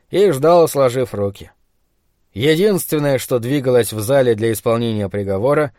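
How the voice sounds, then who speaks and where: A man narrating an audiobook in a steady, even storytelling voice. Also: mid-range voice, no room sound.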